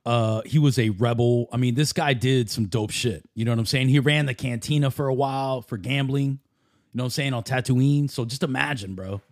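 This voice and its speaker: A man's voice: medium pitch, normal speed, darkish tone, dry recording, clean studio sound. A man chatting casually like a frat bro, full of slang and swearing. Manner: frat-bro slang, says bro and dude often. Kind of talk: casual hype chat.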